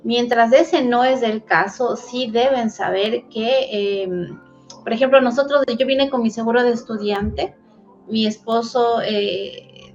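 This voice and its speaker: Measured woman, clears her throat. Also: a little high, highs cut off. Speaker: immigrant guest, mother. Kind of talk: casual interview chat.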